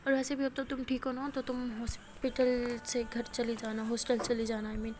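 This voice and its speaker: A hurried middle-aged mother, flustered and a little hushed, as a woman storyteller puts her on. Her voice sits somewhat high, with faint background noise. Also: level tone, natural voice.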